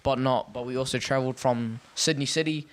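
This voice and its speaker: A man's voice: medium pitch, fairly even intonation, fairly quick. A man with a broad Christchurch New Zealand accent, chatting casually and emphatically, often repeating short phrases. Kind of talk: casual chat.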